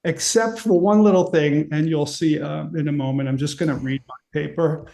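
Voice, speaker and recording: A man presenting at a conference, reading a prepared paper aloud in an earnest, measured way. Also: on the high side, fairly even intonation, vocal fry, darkish tone.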